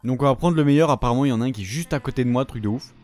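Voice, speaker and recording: A man commentating his own gameplay, excitable, swearing often and yelping at the game, talking with his mouth full. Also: medium pitch, racing, background noise. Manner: excitable, swears a lot, shouts and yelps at the game. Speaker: gaming YouTuber.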